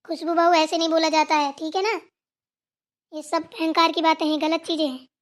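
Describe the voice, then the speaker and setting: A woman voicing a kindly older mother-in-law in a cartoon, speaking softly and soothingly. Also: very high-pitched, level tone, a little fast. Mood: gentle. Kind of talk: cartoon voice acting.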